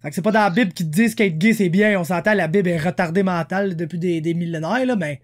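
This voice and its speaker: A man with a Quebec French accent talks in a casual podcast, his voice sitting fairly high. He is slangy and animated, sliding English words into his French. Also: fast. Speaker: podcast co-host.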